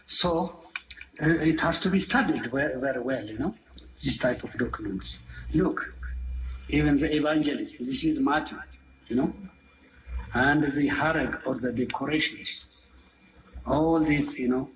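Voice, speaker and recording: A man guiding visitors through an old manuscript, talking in a halting way with many fillers. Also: medium pitch, bright, forceful tone, echoey room, slight background noise, rough recording. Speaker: guide showing an old manuscript. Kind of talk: explaining casually.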